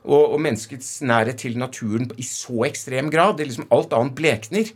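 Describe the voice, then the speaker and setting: A man's voice: medium pitch, slightly rough. Emphatic Oslo man in conversation. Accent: Oslo Norwegian. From Oslo west, Norway. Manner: emphatic, effusive, with swearing and halting repetitions. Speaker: novelist being interviewed. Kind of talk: animated conversational interview.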